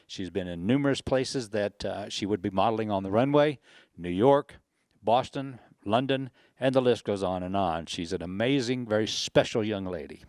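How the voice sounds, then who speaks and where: A man's voice: lowish voice, moderate pace, a little mellow, dry recording, clean studio sound. A man speaking as a powwow emcee, giving admiring, emphatic introductions of dancers.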